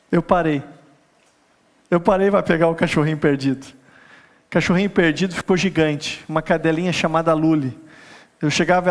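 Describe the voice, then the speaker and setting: Middle-aged pastor, high voice, lively storytelling sermon that builds to an urgent appeal. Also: male voice. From Brazil. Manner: animated, laughing storyteller who builds to a rising appeal.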